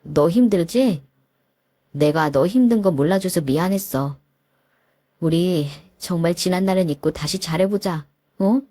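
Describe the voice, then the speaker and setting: A woman's voice: lowish voice, a little slow, mellow, no echo, studio quality. A woman voicing a two-faced husband who pleads and wheedles. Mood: pleading.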